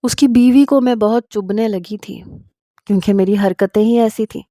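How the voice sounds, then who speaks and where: A woman narrating a first-person story in a steady, confiding way. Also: medium pitch, dry recording, studio quality.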